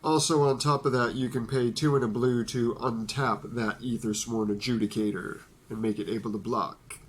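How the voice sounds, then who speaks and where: A man's voice: mid-range voice, fairly even intonation, normal speed, breathy edge. A young man with a stuffy, blocked nose from allergies, casually hosting a card review with playful asides. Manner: playful, jokey asides to an imagined listener. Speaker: Magic card video host.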